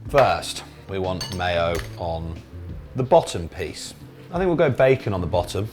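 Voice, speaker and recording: British man, low voice, casual cooking host, sweary and jokey, clear music behind, kitchen clatter. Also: big pitch swings, measured pace, darkish tone. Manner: chatty, sweary, jokey self-commentary. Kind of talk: casual cooking vlog, talking through a recipe.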